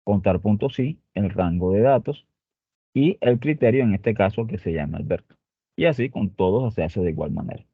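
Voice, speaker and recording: A man's voice: on the low side, lively intonation, moderate pace, breathy edge, no echo. Tinny-sounding man teaching spreadsheets. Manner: explains step by step, with frequent "¿ok?" and "muchachos" check-ins. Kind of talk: spreadsheet tutorial. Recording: tinny phone-like, dry sound.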